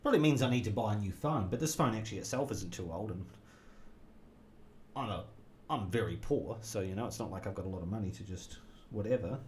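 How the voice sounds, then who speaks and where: A man's voice: lowish voice, expressive, a little fast, darkish tone, a little hiss or hum. A man chatting casually while gaming, rambling off on jokey tangents. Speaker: gaming streamer.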